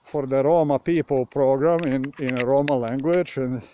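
A man from Slovenia speaking English, rambling through a halting monologue full of pauses and restarts while outdoors on a dark road at night, recorded on a handheld phone. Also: medium pitch, fairly even intonation, slight background noise. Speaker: vlogger.

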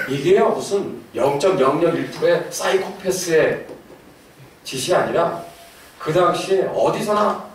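A middle-aged man giving a lively lecture to an audience, with laughing asides and questions to his listeners. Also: on the high side. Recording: echoey hall, from far off, faint noise.

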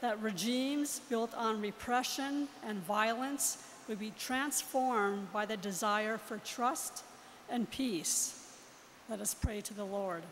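A woman, a lector, reading the prayers of the faithful slowly and carefully in a large church. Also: on the high side. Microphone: far camera. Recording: long church reverb, faint noise, far camera.

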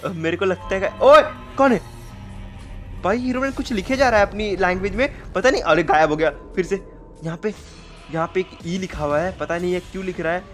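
Young guy narrating his game, high voice, keeps freaking out, some quiet music under it. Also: brisk. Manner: jumpy, excitable, playing up fear with frequent outbursts. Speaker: gaming channel host. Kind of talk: Let's Play gameplay commentary.

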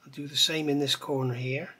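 A male model builder with a husky yet bright, medium-pitched voice speaks briskly, relaxed and rambling as his hands keep working. He gives a hands-on tutorial sprinkled with chatty asides at an indoor hobby workbench, filmed by an overhead camera.

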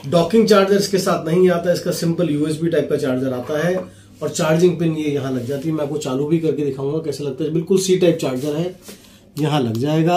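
A man with a fairly high, mellow voice, a product reviewer and seller, walks through a product in a casual, explanatory unboxing and demonstration. He mixes in English phrases. His small office gives a roomy echo with faint background noise.

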